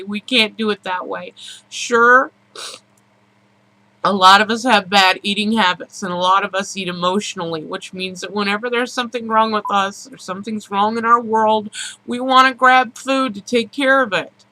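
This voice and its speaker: Female vlogger, bright and forceful mid-pitched voice, earnest confessional delivery with emphatic repetition. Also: dry recording, low-quality recording. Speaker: personal video blogger. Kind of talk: candid emotional confessional vlog.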